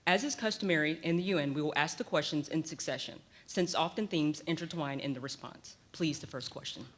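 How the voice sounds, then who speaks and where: A man moderating a conference session, giving clear and courteous procedural instructions. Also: fairly high pitch, a little fast, a bit bright. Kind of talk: formal announcements.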